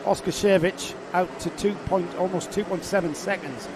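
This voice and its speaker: A man's voice: high voice, steady tone, normal speed. Man commentating kart racing, outdoor noise. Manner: explains the racing, teasing his co-host. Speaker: race commentator. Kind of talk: live motorsport commentary.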